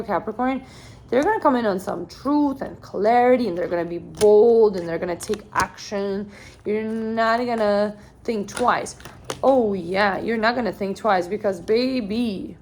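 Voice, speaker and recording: A woman's voice: fairly high pitch, a little hiss or hum. A young woman doing a channeled tarot reading in a casual, blunt way, full of "like" fillers and swearing. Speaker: tarot reader.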